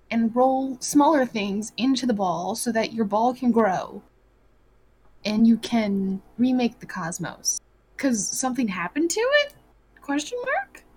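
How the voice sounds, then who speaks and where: A woman co-hosts a casual podcast, her voice somewhat husky and pitched a little high. She rambles and restarts her sentences, leaning on fillers as she thinks aloud. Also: a little mellow. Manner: rambling and hesitant, many fillers. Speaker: podcast co-host.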